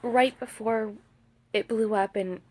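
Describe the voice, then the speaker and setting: On the high side yet darkish in tone, a woman speaks slowly and steadily while sharing a dream vision on her vlog. The telling is rambling, with fillers and restarts, and she talks religiously about prayer.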